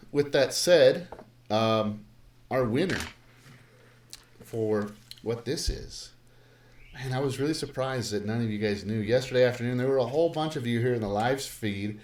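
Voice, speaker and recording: A man's voice: medium pitch, a little slow, long pauses, darkish tone. A middle-aged man, a math teacher, talking casually and playfully through a live-streamed lesson in a classroom, with lots of fillers and asides. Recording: roomy live stream with faint noise.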